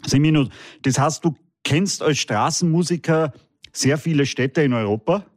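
A man hosting a radio interview, asking brisk, chatty questions. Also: on the high side, dry recording, clean studio sound. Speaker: radio host.

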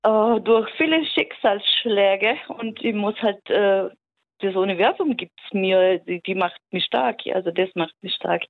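A calm, easygoing woman calls in to a radio show. She talks in an unhurried way and keeps restarting her phrases. Her voice comes through a thin, tinny phone line at a middle pitch. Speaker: caller. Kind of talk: casual phone-in chat.

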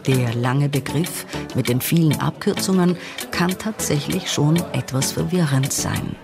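A woman reporter reading a scripted news feature narration in a composed, even way. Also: sits low, unhurried, creaky, over music. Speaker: radio reporter.

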